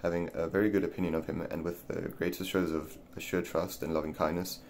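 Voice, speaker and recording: A man's voice: sits low, flat delivery, quick pace, vocal fry, darkish tone, a little hiss or hum. A man reading an old essay aloud, often stumbling and repeating words as he goes. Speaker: reader of a classic essay.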